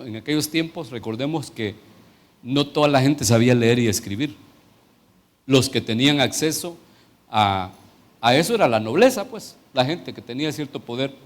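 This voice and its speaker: A middle-aged man with a Salvadoran Spanish accent, a pastor teaching a sermon in a conversational way that turns into fervent prayer. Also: medium pitch.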